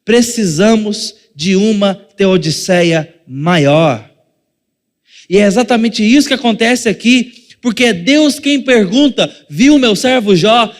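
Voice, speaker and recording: A man's voice: high voice, slow, big-room sound. A male pastor with a Brazilian Portuguese accent preaching a sermon in a conversational way, acting out little scenes and speaking straight to the congregation. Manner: addresses the congregation directly.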